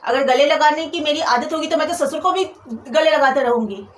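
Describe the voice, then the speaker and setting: A woman's voice: high-pitched, normal speed. A woman vlogger telling personal stories straight to her viewers, venting with indignation. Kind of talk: personal storytelling vlog. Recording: echoey room, a bit far from mic.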